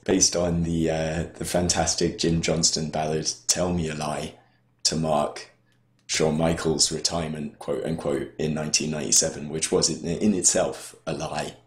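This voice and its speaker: Male podcast co-host, deep voice, hesitant rambling delivery, echoey recording. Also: flat delivery, moderate pace. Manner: rambling, hesitant, with many restarts. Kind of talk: casual podcast chat. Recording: roomy echo.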